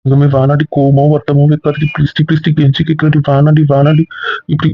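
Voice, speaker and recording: A man's voice: on the high side, completely flat delivery, quick pace. A man playing a remorseful young husband who begs his wife for forgiveness, in an amateur audio drama on a dull lo-fi recording. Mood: pleading. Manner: pleading, repetitive begging.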